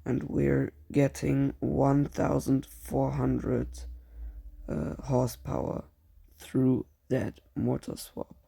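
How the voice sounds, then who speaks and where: Slow, gravelly man with a German accent. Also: mid-range voice, level tone, dark tone. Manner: halting, frequent fillers and restarts. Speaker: gaming YouTuber. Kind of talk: casual game commentary.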